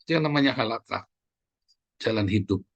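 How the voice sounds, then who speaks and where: A man's voice: fairly low pitch, animated, fairly quick, no room sound. A man preaching a conversational sermon, asking his listeners questions and answering them himself, with sudden emphatic rises. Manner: addresses listeners as brothers and sisters, asks and answers his own questions.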